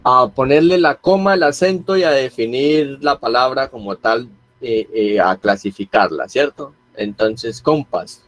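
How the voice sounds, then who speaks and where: A man's voice: medium pitch, a little slow, dry recording. A man teaching a class, patiently asking students questions and repeating their answers, with a Colombian Spanish accent. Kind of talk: classroom lesson on accent rules.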